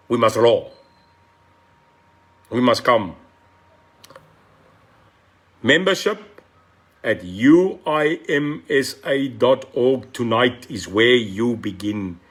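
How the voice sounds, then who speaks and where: An older man with a South African accent gives a blunt, combative, emphatic live video address as a political leader, switching between two languages. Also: mid-range voice. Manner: switches between Afrikaans and English.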